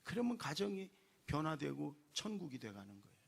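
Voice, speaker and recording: A man's voice: fairly high pitch, sing-song, brisk, gravelly, husky. A man preaching a Sunday sermon as pastor, emphatic and exhorting his congregation, often calling for an amen. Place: church sanctuary.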